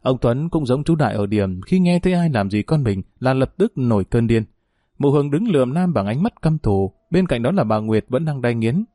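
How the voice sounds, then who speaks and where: A man narrating a family drama story in a steady, matter-of-fact way. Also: mid-range voice, moderate pace, dry recording, clean studio sound.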